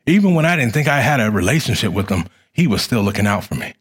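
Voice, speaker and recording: A middle-aged man preaching a sermon as pastor, with a fervent, repetitive cadence that swells loud and drops to quiet. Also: fairly low pitch, very animated, quick pace, slightly rough.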